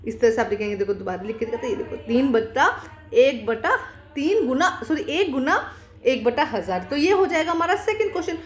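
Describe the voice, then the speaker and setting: A woman's voice: high voice, animated, fairly quick. A woman from India teaching a maths worksheet as a voice-over, patiently asking questions and answering them herself.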